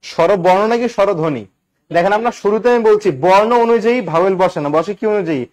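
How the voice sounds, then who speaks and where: Male grammar tutor, high voice, chatty, keeps quizzing the class. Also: quick pace, a little mellow. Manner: chatty, quizzes students with questions. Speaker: English grammar teacher. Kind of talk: live online class.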